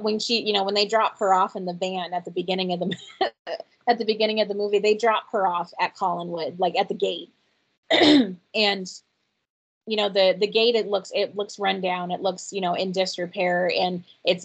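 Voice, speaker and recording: A woman co-hosting a podcast in casual chat, hoarse and losing her voice, rambling along. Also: lowish voice, little pitch movement, normal speed, rough recording. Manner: rambling, many fillers and restarts. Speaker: podcast co-host.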